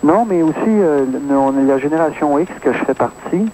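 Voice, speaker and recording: Calling in to an AM radio program, a Québécois French-accented man in his 30s testifies earnestly, with frequent hesitations and fillers. His mellow voice sits on the high side and runs a little fast. The recording is low quality, with faint hiss.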